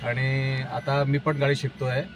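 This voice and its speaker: A man's voice: medium pitch, level tone, unhurried, music in the background. A man, a learner driver, talking hesitantly with many fillers about his lessons. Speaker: driving student, senior journalist. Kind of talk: casual chat. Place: inside a car on a city street.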